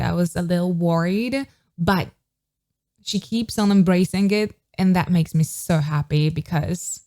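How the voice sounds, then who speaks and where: A woman's voice: on the low side, mellow. A woman vocal coach giving an enthusiastic, casual reaction to a pop song, now and then singing short riffs to show a technique. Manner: enthusiastic, demonstrates sung riffs.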